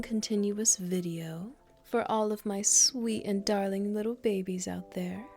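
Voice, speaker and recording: Woman, whispered role-play, soft, proper, slightly nasal, mid pitch, faint background music. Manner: soft, proper and a little monotone; coos endearments like darling. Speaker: ASMR creator.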